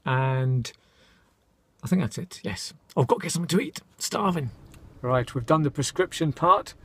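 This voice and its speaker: A man's voice: on the high side, expressive, moderate pace, a bit bright, breathy edge. A middle-aged man, born in Scotland and raised in England, chatting casually to camera in a daily vlog, self-mocking and calling his viewers folks. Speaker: vlogger.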